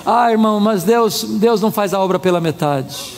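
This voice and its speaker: A male pastor preaching a sermon with animated, humorous storytelling. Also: high-pitched, moderate pace, big-room sound, a little hiss or hum.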